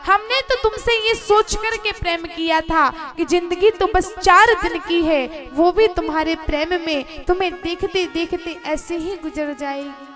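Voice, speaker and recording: A woman's voice: very high voice, measured pace, hardly any pauses, music in the background. A woman preacher voicing heartbroken young village milkmaids who reproach and plead with a departing beloved.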